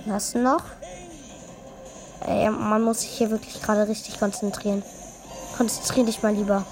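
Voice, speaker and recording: A woman's voice: mid-range voice, level tone, normal speed, over music, rough recording. A young woman casually commentating her own gameplay, teasing her teammate and barking orders at her. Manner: teasing, bossy, calls out orders. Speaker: gaming video host.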